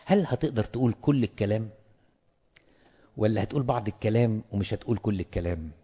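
A man's voice: on the low side, lively intonation, fast, warm tone, husky, long reverb tail, lo-fi sound. A man with an Egyptian Arabic accent gives a pastoral lecture to fellow priests and stresses points by repeating words. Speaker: clergyman teaching priests.

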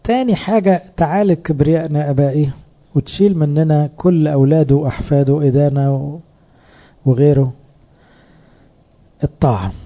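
Dark-voiced Egyptian priest preaching conversationally. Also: male voice, on the high side, dull audio. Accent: Egyptian Arabic. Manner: conversational preaching with rhetorical questions. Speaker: priest teaching other priests. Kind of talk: sermon.

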